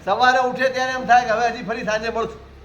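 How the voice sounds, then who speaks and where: A man, a Jain monk, preaching a sermon in a conversational way, with rhetorical questions and gentle humor. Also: very high voice, level tone, fast talker, muffled recording, slight background noise.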